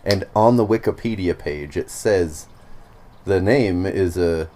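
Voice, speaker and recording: A man's voice: low voice, slow, dark tone. A young man hosting a podcast in casual chat, crude joking and laughing often. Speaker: podcast host.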